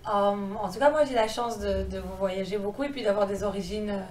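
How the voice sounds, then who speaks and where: A woman's voice: medium pitch, a little fast, darkish tone, a little hiss or hum. A woman from Belgium, a slam poet guest, answering thoughtfully with some hesitations. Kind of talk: interview answers.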